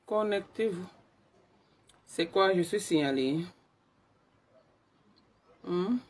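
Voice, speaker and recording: Woman live-streamer, hushed and quiet, slow unhurried delivery, phone mic. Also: lowish voice. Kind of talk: casual live stream chat.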